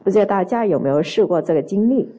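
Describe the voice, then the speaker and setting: A woman's voice: medium pitch, expressive, fast, mellow, husky. A woman interpreting a sermon phrase by phrase, hesitating with small fillers while she finds the words. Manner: hesitant, fills gaps with "ah" and "er" while translating.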